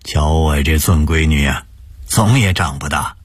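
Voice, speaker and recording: A man's voice: a bass voice, a little slow, husky, dry recording, clean studio sound, full character voice. A man voicing a jovial, doting middle-aged shopkeeper father. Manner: hearty, doting.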